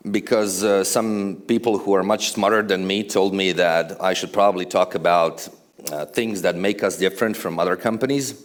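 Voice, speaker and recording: A man from Croatia, giving a casual, conversational conference presentation with fillers and dry humor on stage before a large audience. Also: low-pitched. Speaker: conference speaker, architectural visualization studio co-owner.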